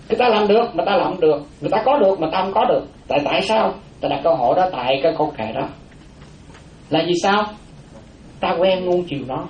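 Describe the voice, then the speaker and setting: A slightly high, slightly mellow male voice belongs to a Buddhist monk giving a dharma talk, with a little hiss or hum present. He repeats key phrases and checks in with listeners through rhetorical questions, and the recording has roomy echo and faint ambience.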